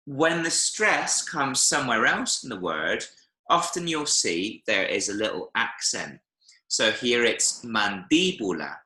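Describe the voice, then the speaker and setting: Guy teaching a language lesson on a video call, bright voice, echoey room, keeps asking "yeah?" to check in. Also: medium pitch, big pitch swings, unhurried. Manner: patient, checks understanding often with "yeah?" and "right?". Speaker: Spanish teacher. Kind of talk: online one-to-one language lesson.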